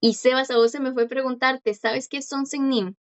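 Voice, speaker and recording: A woman's voice: sits high, steady tone, lo-fi sound. Patient woman teacher on a call. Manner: patient, encouraging, repeats words slowly. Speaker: Korean language teacher. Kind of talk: online class, explaining grammar.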